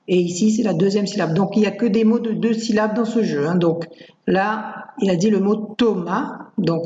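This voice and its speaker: A woman teacher calmly walks parents through worksheets and a learning game, patient and hesitant, with many fillers. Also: medium pitch. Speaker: primary school teacher. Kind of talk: explaining worksheets in a screencast. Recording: roomy, dull lo-fi home recording.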